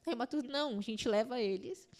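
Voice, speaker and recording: A woman's voice: fairly high pitch, a little fast, a little mellow. A young adult woman, a podcast guest, retelling a painful personal story with lots of quoted dialogue.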